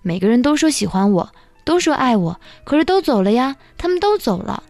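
A woman's voice: a little high, lively intonation, a little fast, darkish tone, faint music behind, close to an everyday voice. Woman voicing a heartbroken guarded bear. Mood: anguished. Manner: bitter, wary.

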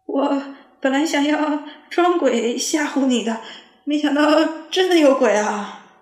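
A cowardly storybook wolf , put on by a woman reader, stammers in a raised, loud voice. The reading has a roomy echo around it. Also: sits high, sing-song, slow, pitched above the performer's own voice, full character voice. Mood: stammering. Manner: stammering and panicky. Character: cowardly male wolf, a would-be bully.

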